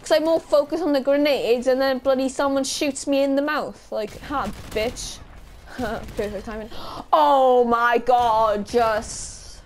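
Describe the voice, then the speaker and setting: A woman's voice: high-pitched, steady tone, unhurried, a little mellow, a little hiss or hum. A young woman giving casual gameplay commentary, swearing and ranting in frustration with sudden outbursts. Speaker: gaming YouTuber.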